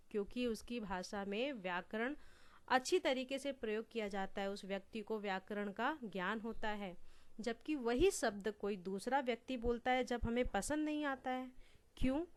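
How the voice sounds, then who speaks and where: A woman's voice: a little high, clean tone. Woman teaching a Hindi grammar lesson. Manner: slow, deliberate explaining with repeated examples.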